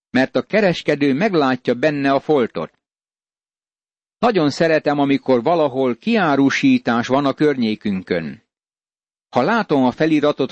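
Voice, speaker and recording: A man's voice: mid-range voice, dry recording, dull audio. A man giving an earnest radio Bible sermon, speaking straight to the listener as a friend. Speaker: Bible teacher.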